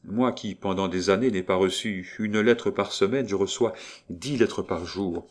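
A man reading an audiobook, voicing a jealous, brooding young nobleman in a soft, hushed, pleading voice. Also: low-pitched, unhurried.

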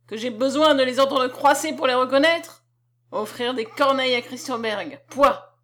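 A woman's voice: fairly high pitch, a little slow, fairly bright tone. A woman reading aloud, voicing a huge, furious, drunken old male captain who roars and then pleads. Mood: scornful roar. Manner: roaring, blustering, then pleading.

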